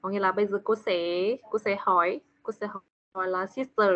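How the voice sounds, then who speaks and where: A woman with a Vietnamese accent teaching English to a child in an online class, slowly repeating words for the child to copy. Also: mid-range voice, steady tone, a bit bright. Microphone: video call. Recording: dull lo-fi call audio.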